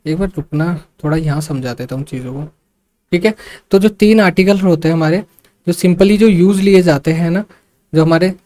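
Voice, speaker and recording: A man tutoring English grammar for exam students, explaining slowly and repeating his points with frequent fillers and English terms mixed in. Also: high voice, darkish tone. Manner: mixes English terms into speech. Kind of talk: online exam-prep lesson.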